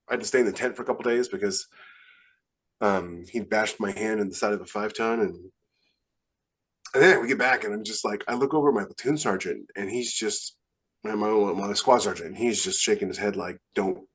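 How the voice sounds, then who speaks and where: A fairly low, slightly rough male voice moves at a brisk clip. He's a military veteran hosting a podcast, rambling casually through anecdotes and often restarting his phrases.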